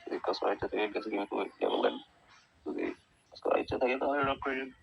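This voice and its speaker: Low gravelly man in a brisk voice message. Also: wildly swooping pitch, noisy background. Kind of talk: recorded voice message.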